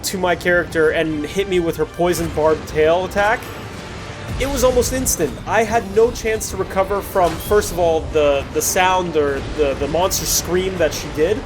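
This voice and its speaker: Narrating recorded gameplay footage, a male host talks casually and apologetically, wandering off on tangents and circling back to earlier points. He has a high voice, a moderate pace, and music in the background.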